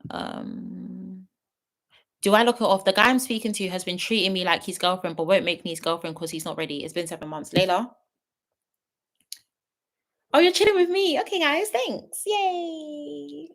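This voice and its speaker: A woman's voice: medium pitch, normal speed. A woman in her late twenties chatting casually on a livestream, reading viewer comments and giving frank, big-sister style advice. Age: 20s. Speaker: YouTube host on a livestream.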